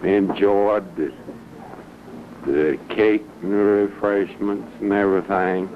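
A man's voice: lowish voice, fairly even intonation, phone-quality sound, a little hiss or hum. A man joking through a spoken greeting on an old wire recording. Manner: joking, drawn-out speech.

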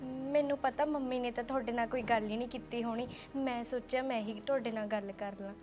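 A young actress playing an earnest village daughter who begs to keep studying, speaking in a Punjabi accent. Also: female voice, a little high, fairly even intonation, fairly quick, music in the background, natural voice. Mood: imploring. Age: young adult. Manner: earnest, imploring. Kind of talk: village drama acting.

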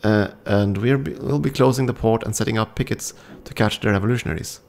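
A man reading the lines of a brisk, bearded male soldier who gives curt orders in a game. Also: on the low side, creaky, darkish tone.

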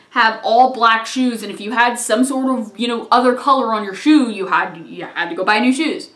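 A camera on a tripod a few feet away records a young adult vlogger, mid-range in voice, sharing a rambling personal story from the couch. The small living room sounds echoey, and the chatty telling often slips into quiet, mumbled asides.

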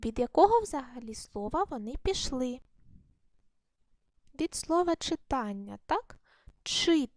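A woman teaching a primary school video lesson, speaking slowly and clearly to children in an encouraging way. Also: sits high, very animated, darkish tone, dry recording. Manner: slow, clear, encouraging classroom delivery.

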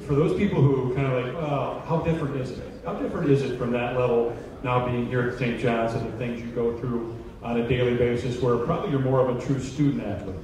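A middle-aged man hosts a casual live interview on an indoor auditorium stage, holding a handheld mic, and he also works as a radio play-by-play announcer. His medium-pitched, darkish voice moves fairly quickly with fairly even intonation and a little hiss or hum. The echoey hall PA makes him sound distant, with the audience audible behind.

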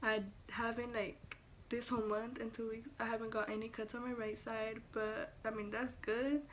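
A teenage girl with braces chats casually in a home vlog, rambling with plenty of fillers, self-corrections and casual swearing. Her voice sits a little high with little pitch movement, and she talks at a moderate pace over slight background noise.

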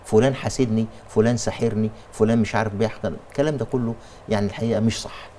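A man's voice: on the low side, fairly even intonation, racing, mellow, a little hiss or hum. A man with an Egyptian accent answering religious questions in a TV studio, explaining with emphasis and frequent restarts.

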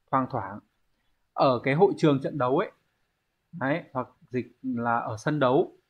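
Guy teacher going over exam answers, walks through it step by step, kinda dull lo-fi sound. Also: medium pitch. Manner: explains step by step, often asks the class to confirm. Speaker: Japanese language teacher. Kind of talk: exam review lesson.

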